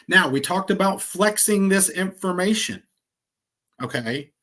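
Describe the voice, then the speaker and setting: A man demonstrating insurance quoting software on a screen share, talking in an energetic, salesy way with quick asides. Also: high voice. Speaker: insurance agent trainer.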